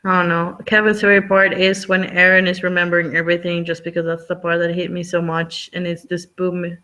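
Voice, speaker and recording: A woman's voice: on the low side, level tone, brisk, bright, forceful tone. A woman hosting a live online book discussion, chatting casually and rambling with lots of "like.". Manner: chatty, rambling, says "like" a lot. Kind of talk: casual chat.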